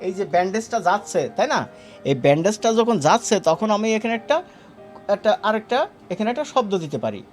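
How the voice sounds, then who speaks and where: A high-voiced man with a Bangladeshi Bengali accent, talking his class through each step in a relaxed, chatty way. Soft music plays underneath. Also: fairly quick. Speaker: animation course instructor. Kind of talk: live online class demonstration.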